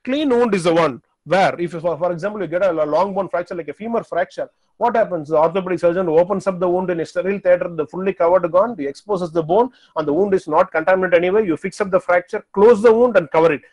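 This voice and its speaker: Fast, high-voiced man with South Indian accent. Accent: South Indian (Tamil). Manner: didactic, asks and answers own questions. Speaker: dental lecturer. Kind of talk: webinar lecture. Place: small room indoors, on a video call. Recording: dull lo-fi video call audio.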